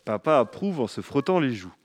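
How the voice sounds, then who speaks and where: A man narrating a children's story with an expressive, lively reading. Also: medium pitch, fairly quick.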